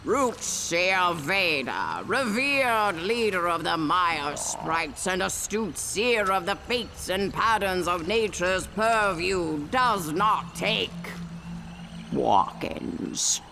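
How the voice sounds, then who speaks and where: An actor voicing a grumpy, scornful toad of the frog folk in a story, with a slow, pompous croak. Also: male voice, high voice, expressive, noisy background, full character voice. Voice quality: croaky, gravelly. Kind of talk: scripted audio storybook acting.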